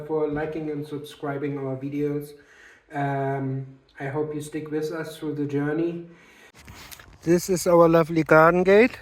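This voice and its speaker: A calm German man, a native German speaker, talks in a steady way with frequent uh and um pauses. His voice is on the high side. He co-hosts a channel and narrates, mixing casual chat with tour narration.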